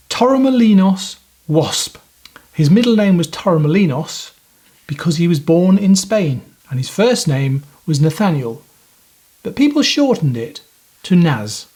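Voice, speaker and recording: A man's voice: a little high, sing-song, darkish tone. A man reading a children's story aloud and speaking directly to the children listening. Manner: addresses children directly, unhurried.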